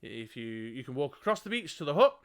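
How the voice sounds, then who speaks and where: A man's voice: mid-range voice, sing-song, brisk. A man reading a fantasy gamebook aloud as game master, laughing and joking between passages. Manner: laughs often, jokes between read passages.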